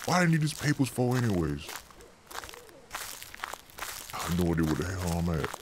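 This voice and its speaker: A man's voice: low voice, sing-song, moderate pace. Young male gamer, jumpy self-talk commentary, hums when nervous, noisy home recording. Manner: talks to himself, hums nervously, jokey and jumpy. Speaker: let's play gamer. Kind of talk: horror game let's play commentary.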